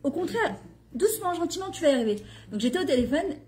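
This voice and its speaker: A middle-aged woman who weaves into her talk. She tells personal stories in a lively way and acts out the dialogue. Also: high voice, fast. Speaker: guest speaker on women's talk show. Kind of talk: animated personal storytelling.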